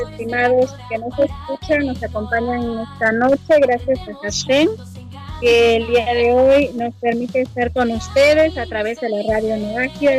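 Female co-host, fairly high voice, formal welcome, light music behind. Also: low-quality recording. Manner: formal warm greetings. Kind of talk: radio show greeting.

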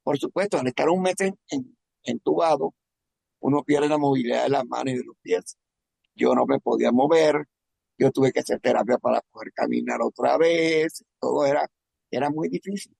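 Man, from Venezuela, gravelly husky voice, halting emotional testimony, repeats words. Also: mid-range voice, a little mellow, no echo. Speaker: testimony speaker. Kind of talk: personal testimony.

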